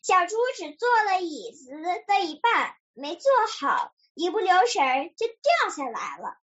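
A woman reading a children's story aloud in a slow, expressive way. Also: very high voice, lo-fi sound.

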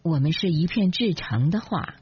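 女声压低扮演的辩解的年轻丈夫. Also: female voice, lowish voice, lively intonation, moderate pace, darkish tone, slightly rough, no echo. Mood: defensive. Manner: indignant, earnest. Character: defensive earnest young husband. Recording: dull lo-fi, dry.

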